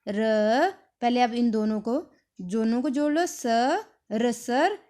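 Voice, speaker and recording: A woman's voice: a little high, lively intonation, slow pace, dark tone. A woman teaching a phonics lesson, patiently sounding out letters one at a time and then joining them into words, repeating each word.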